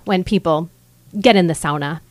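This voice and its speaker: A woman in her thirties with a lowish voice speaks at normal speed during a radio interview in a studio, the recording dry. Originally from Michigan's Upper Peninsula, she appears as a guest author, earnest and mildly humorous at the studio microphone.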